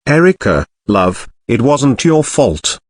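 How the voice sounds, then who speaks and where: A man voicing an older Yorkshire father, warm and kindly with gruff self-deprecation, in an audiobook. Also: medium pitch, sing-song, takes it slowly, no room sound. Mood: gentle. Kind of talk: audiobook character voice.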